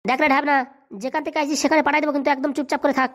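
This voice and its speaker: A voice actor playing a grumpy, bossy middle-aged village husband in a cartoon comedy, shouting and scolding. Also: high voice, little pitch movement, racing. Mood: angry.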